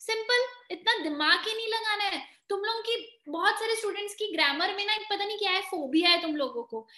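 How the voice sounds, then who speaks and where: A woman's voice: extremely high pitch, animated, fairly quick, pushed and bright, reverberant. A woman with an Indian accent teaching grammar in an online exam-prep lesson, explaining step by step and quizzing her students. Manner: explains in mixed Hindi and English, quizzing students.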